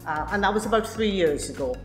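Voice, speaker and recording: A woman's voice: mid-range voice, expressive, fast. An older woman, a church secretary, talking hesitantly with frequent ums in an interview inside a church. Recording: roomy church with background music.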